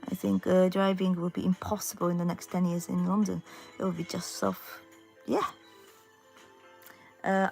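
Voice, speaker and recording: A woman's voice: medium pitch, gravelly. Chatty Japanese-accented woman streaming. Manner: chatty, reads viewer comments aloud and answers them. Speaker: livestream host and singer. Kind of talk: casual livestream chat. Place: home in London.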